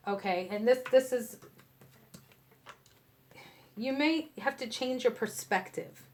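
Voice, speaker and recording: A woman's voice: on the high side, slow pace. Blunt New woman reading tarot. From New York. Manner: blunt and passionate, keeps asking "okay?". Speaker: tarot reader. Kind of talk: casual tarot reading to camera.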